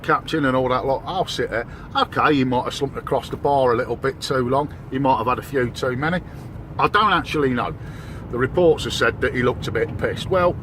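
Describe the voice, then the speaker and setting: A man ranting in a blunt, slangy, indignant way from his car in a traffic jam. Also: mid-range voice. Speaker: vlogger. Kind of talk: ranting monologue. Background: faint traffic and car noise.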